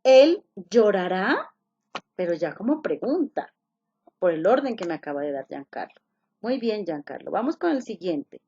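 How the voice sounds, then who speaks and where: Very animated yet speaking at a moderate pace, a woman with a lowish, mellow, breathy-edged voice leads an English class on a video call. She patiently breaks down each step, goes back over the key points, and continually questions her students; the audio is slightly muffled.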